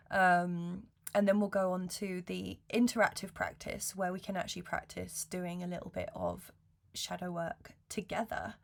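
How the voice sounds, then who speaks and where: Slow, raspy woman with a smoker's rasp. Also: medium pitch. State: recovering from illness, hoarse. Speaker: video host and spiritual mentor. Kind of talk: intimate, reflective chat to viewers.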